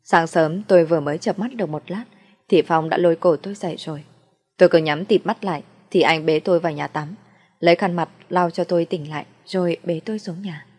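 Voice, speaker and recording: A woman's voice: fairly low pitch, a little fast, a little mellow. A woman narrating a first-person story in a plain, confiding way.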